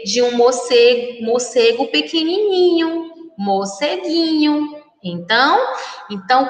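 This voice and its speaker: A Brazilian woman teaching young children in a recorded remote lesson, speaking slowly and patiently with a sing-song delivery. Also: fairly high pitch, roomy sound, big-room sound, poor audio. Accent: Brazilian Portuguese. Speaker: primary school teacher.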